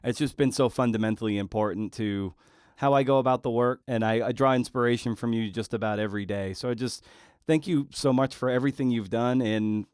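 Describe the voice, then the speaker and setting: A man with a mid-range, clear, resonant voice and darkish tone speaks a little fast, hosting and interviewing on a podcast. His chat and monologue are casual, slangy and effusive, in studio quality with no room sound.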